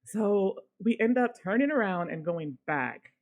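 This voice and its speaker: A woman's voice: medium pitch, a little slow. Woman telling a story on a podcast. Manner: animated, swears casually, laughs while telling. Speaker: podcast co-host. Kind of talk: casual storytelling chat.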